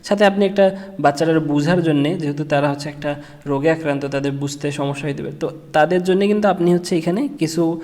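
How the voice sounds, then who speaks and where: A man teaching a casual screen-share tutorial, halting with many fillers and restarts. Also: on the high side, darkish tone. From Bangladesh. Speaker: online tutorial instructor. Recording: long reverb room.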